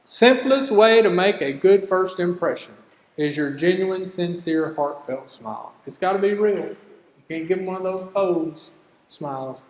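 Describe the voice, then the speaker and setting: A man's voice: high-pitched, expressive, a little slow. Folksy older man in an echoey hall. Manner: homespun, storytelling, earnest. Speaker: business teacher. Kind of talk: folksy teaching talk. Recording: echoey hall with long reverb.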